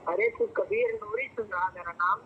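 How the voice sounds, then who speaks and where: A man's voice: high voice, a little fast, slight background noise. A man in a heated phone argument, combative and indignant, repeating himself over a muffled line.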